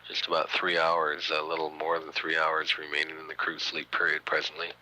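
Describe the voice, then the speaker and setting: A man giving matter-of-fact mission control status commentary, halting often with uhs and pauses, on an archival radio feed. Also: extremely low pitch, monotone, pushed and bright, a little hiss or hum, rough recording. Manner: halting, hesitant delivery with frequent uhs and pauses. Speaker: mission control announcer, public affairs commentator. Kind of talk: spaceflight status commentary, partly improvised.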